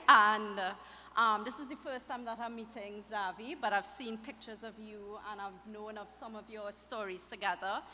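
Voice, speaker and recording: A woman's voice: mid-range voice, moderate pace, pushed and bright, a little hiss or hum. A middle-aged woman giving a chatty, laughing toast at a wedding reception. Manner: chatty, laughs between phrases. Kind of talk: casual wedding speech. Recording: reverberant hall with faint ambience.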